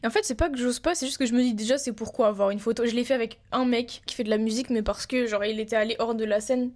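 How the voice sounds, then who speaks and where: A woman's voice: fairly high pitch, fast, darkish tone. A young woman from France co-hosting a podcast in casual chat, chatty and giggly with bursts of laughter. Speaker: podcast co-host.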